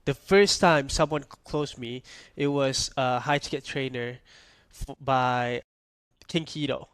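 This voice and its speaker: A young man from Malaysia, hosting a podcast, telling a story in a relaxed way and asking "right?" often. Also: mid-range voice, unhurried, clear, resonant tone, no echo, clean studio sound. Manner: storytelling, laid-back, peppered with "like" and "right?". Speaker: podcast host. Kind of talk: casual podcast chat.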